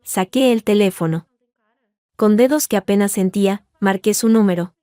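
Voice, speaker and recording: A woman's voice: medium pitch, normal speed, warm tone, dry recording, studio quality. A woman reading a tense first-person story in a restrained manner. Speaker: narrator. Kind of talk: scripted first-person narration.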